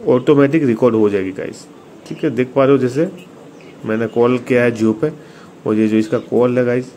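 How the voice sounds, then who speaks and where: This video host, a tech reviewer with an Indian accent, casually reviews a phone hands-on and often turns to address his viewers. He has a mid-range, darkish voice, and the recording picks up clear room noise.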